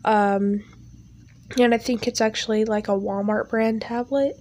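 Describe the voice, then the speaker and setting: A young woman who makes an art channel chats casually over her artwork, rambling with lots of fillers. Her stuffy, nasal voice is a little high, steady and unhurried, with a darkish tone, recorded on a home setup.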